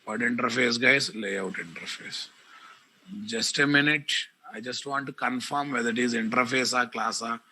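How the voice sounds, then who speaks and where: A man with a Telugu Indian English accent teaching a live online software class, repeating phrases and addressing his students directly. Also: mid-range voice, breathy edge, poor audio. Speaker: programming teacher.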